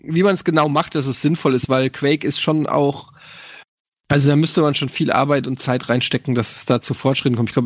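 A man's voice: mid-range voice, no room sound, studio quality. A man in his thirties chatting casually as a streamer, slightly nasal, rambling with many fillers. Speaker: streamer answering questions. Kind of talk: casual chat.

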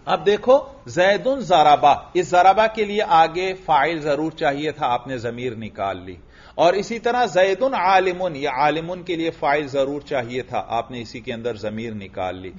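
A man's voice: a little high, animated. Man drilling a grammar class, lo-fi. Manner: drills students with quick questions and praise. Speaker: religious school teacher. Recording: dull lo-fi lecture recording.

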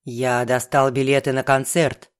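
A woman's voice: a bass voice, little pitch movement, unhurried, smooth, pitched below the performer's own voice. A woman reading an audiobook, voicing a polite, anxious man who whines down the phone. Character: flustered middle-aged man on the phone.

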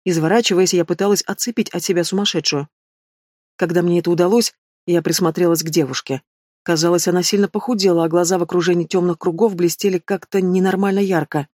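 A woman reading a first-person fantasy story in an even, measured way. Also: fairly low pitch, no echo, clean studio sound. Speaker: audiobook reader.

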